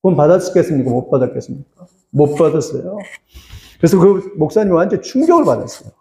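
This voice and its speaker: A man's voice: on the high side, very animated, fast, vocal fry, mellow, echoey room, slight background noise. A male pastor preaching a sermon, telling a story in an earnest tone and putting questions to the congregation.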